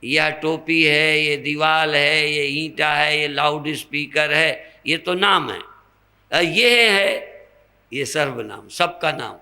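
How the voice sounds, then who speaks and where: Slow, gravelly older man preaching. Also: fairly high pitch, bright, forceful tone. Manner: slow, teaching with rhetorical questions and examples. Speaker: swami giving a spiritual discourse. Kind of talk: sermon.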